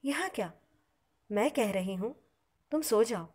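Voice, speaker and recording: A woman reading as a gentle, motherly elderly holy woman. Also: fairly high pitch, lively intonation, a little slow, breathy edge. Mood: tender.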